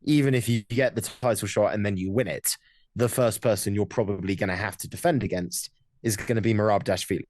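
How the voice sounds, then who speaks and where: A man's voice: fairly low pitch, fairly quick, darkish tone. A man hosting a podcast, giving casual, conversational commentary on sport. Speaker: podcast host.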